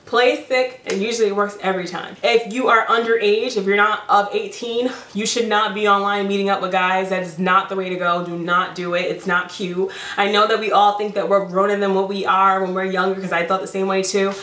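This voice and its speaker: A young adult woman giving frank dating advice in a casual vlog, chatty and quick to laugh. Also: medium pitch, steady tone, fairly bright tone. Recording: roomy, distant mic.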